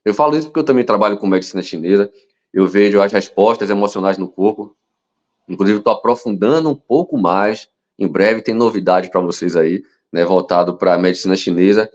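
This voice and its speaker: Guy teaching hypnosis, lowish voice, kinda dull lo-fi audio, animated then goes soft n slow. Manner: animated storytelling, drops to a soft slow voice to show calm. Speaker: hypnosis instructor. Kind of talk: teaching a course lesson. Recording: dull lo-fi sound.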